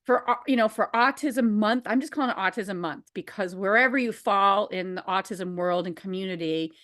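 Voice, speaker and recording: A woman in her forties hosting a casual conversation about behavior analysis, animated and quick to laugh. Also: medium pitch. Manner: animated, laughs often, acts out quotes.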